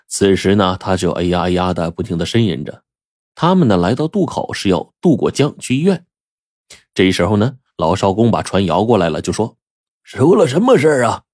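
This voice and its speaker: A man narrating a story in a lively storytelling manner, drawing out little particles at the ends of phrases. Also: deep voice, fairly quick, no echo, studio quality.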